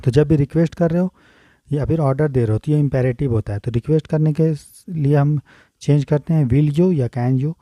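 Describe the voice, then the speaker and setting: A man's voice: a little high, brisk, mellow, no room sound. An Indian man teaching an exam-prep grammar lesson, explaining step by step and often checking if students follow.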